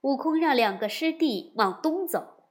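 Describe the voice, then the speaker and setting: A woman telling a classic story to young listeners in an expressive narration. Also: high-pitched. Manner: slow, expressive, lively storytelling.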